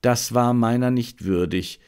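A man's voice: medium pitch, a little slow, darkish tone, smooth, natural voice. A male audiobook narrator voicing an intense, fired-up male detective who lectures his assistant urgently.

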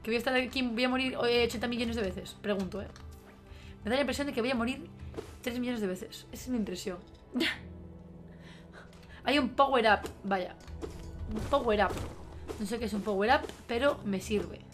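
A young woman with a Spain Spanish accent giving live gameplay commentary, excitable and exclamatory, swearing often. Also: fairly high pitch, normal speed, long pauses. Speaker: game streamer. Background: faint game music.

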